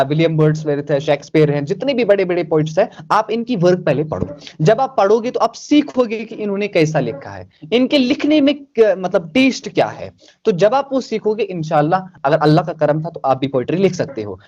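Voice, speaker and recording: A man from Kashmir with a Kashmiri accent, a writer answering interview questions in a casual, lively way, mixing in English words and repeating phrases. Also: sits high, highs cut off.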